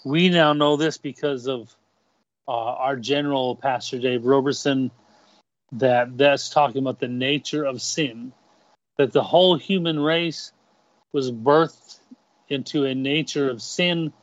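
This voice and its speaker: Slow, deliberate male preacher. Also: mid-range voice, steady tone, no room sound, lo-fi sound. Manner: slow and deliberate, repeats words when restarting. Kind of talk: sermon.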